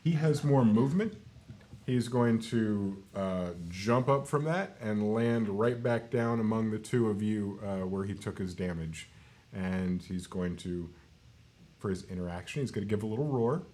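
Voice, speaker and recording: A man runs a tabletop fantasy game as its narrator. His voice sits on the low side, and he tells the action in a measured, descriptive way. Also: mellow. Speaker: game master.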